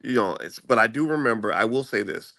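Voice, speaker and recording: Waiting in a room before a flight, a man who hosts a channel chats casually about politics, rambling and frequently starting over. His mid-range voice sounds pushed and bright, with lively intonation and a fairly quick pace, captured with studio quality and no room sound.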